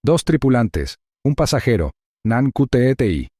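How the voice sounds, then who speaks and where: A man's voice: medium pitch, sing-song, normal speed, no echo, studio quality. A man doing a terse, secretive older steward. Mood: hushed. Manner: hushed, clipped. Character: older male flight attendant, terse and secretive.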